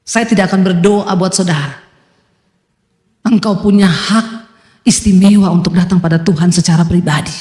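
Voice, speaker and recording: A woman's voice: lowish voice, normal speed, pauses often, darkish tone. A woman pastor preaching a sermon emphatically, with humorous asides and acted-out quotes. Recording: echoey hall reverb.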